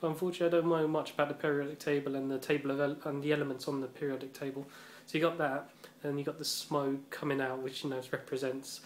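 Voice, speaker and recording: Flat-voiced profane man in echoey room. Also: fairly high pitch, quick pace, few pauses. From Britain. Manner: rambling and profane, heavy on fillers. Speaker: vlogger. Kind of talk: casual vlog monologue. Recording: echoey room with faint ambient noise.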